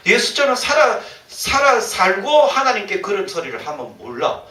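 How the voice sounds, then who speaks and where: A man's voice: sits high, moderate pace. A male pastor preaching a sermon, acting out the complaints of the people he quotes. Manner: animated, acts out quoted complaints. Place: church sanctuary. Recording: roomy church sound from a distant mic, faint ambience.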